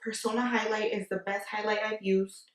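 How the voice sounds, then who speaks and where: A woman vlogger chats casually through a makeup tutorial while giggly and a bit drunk, throwing in slang and exclamations playfully. Her mid-range voice moves little in pitch, at a moderate pace. The sound is echoey, with the mic placed far from her.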